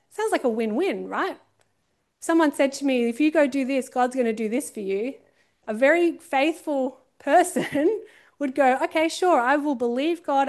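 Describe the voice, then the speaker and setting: A woman preaching a sermon, asking her listeners questions and acting out quoted lines with a laugh here and there. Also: a little high. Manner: expressive, poses questions to listeners.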